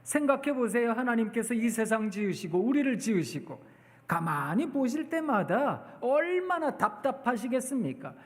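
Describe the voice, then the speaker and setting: A man preaching a storytelling sermon at a church, acting out the people in his stories with lively exclamations. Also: very high voice, moderate pace. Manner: animated, acts out quotes with exclamations. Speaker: guest preacher, professor. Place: church sanctuary. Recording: long church hall reverb.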